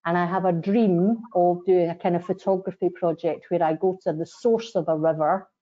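A woman's voice: on the low side, fairly even intonation, normal speed, dark tone. A middle-aged woman, a webinar guest, talking reflectively and hedging often, from a home study over a video call. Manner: reflective, hedging with many "kind of"s. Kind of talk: online panel interview. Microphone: laptop webcam video call. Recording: dull lo-fi video call audio.

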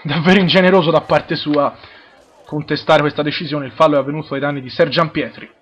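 A man with an Italian accent giving live football play-by-play, measured and halting, in short phrases. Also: on the high side, fairly even intonation, lo-fi sound. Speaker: football match commentator. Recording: crowd noise behind the voice. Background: crowd at a football ground.

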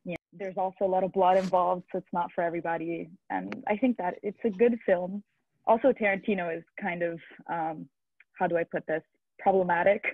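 Young woman from italy, outspoken, low voice, tinny dry video call sound. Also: steady tone. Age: young adult. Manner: opinionated, quick and outspoken. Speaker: student. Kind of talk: casual video call chat. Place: living room with a sofa. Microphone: earbuds on a video call.

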